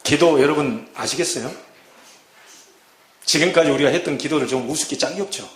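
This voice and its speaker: A man's voice: on the high side, fairly quick. A middle-aged man preaching a sermon as pastor, acting out scenes with dramatic voices. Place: church sanctuary. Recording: echoey church hall.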